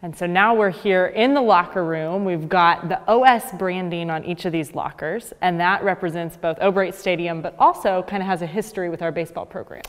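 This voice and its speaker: Woman reporter, low voice with reverb. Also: fairly quick, hardly any pauses. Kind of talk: walking tour interview.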